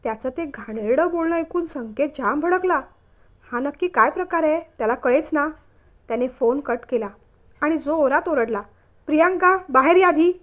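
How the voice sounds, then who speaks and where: A woman narrating a family story aloud in a steady, emotive reading. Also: sits high, normal speed.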